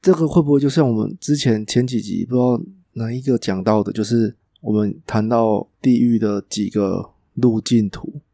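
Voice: medium pitch, normal speed, few pauses, mellow, no room sound, clean studio sound. A podcast co-host in casual chat who keeps nodding along with short replies and cuts in with skeptical questions. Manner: frequent short agreeing interjections, skeptical questions.

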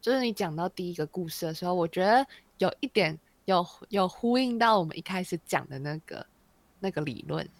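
A woman's voice: lowish voice, lively intonation, fairly quick, dry recording. A woman co-hosting a podcast, answering with short reactions, exclamations and laughs. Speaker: podcast co-host. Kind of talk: casual chat, reacting and listening.

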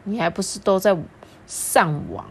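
A woman voicing a cheeky, talkative little schoolboy in a high, whiny, pleading voice for a read-aloud children's story. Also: unhurried, breathy edge. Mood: indignant.

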